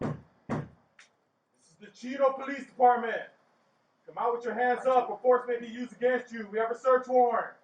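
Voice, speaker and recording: A man's voice: extremely high pitch, moderate pace, pauses often. A police officer, a man, calling out repeated commands through a megaphone. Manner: loud, flat, repeated commands. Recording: dull, echoey, distant body-camera audio.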